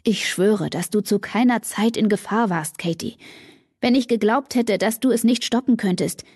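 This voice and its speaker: A woman's voice: medium pitch, moderate pace, darkish tone, slightly rough, dry recording, studio quality, natural voice. A woman voicing a cocky, charming young male student in an audiobook, pleading in an easygoing way.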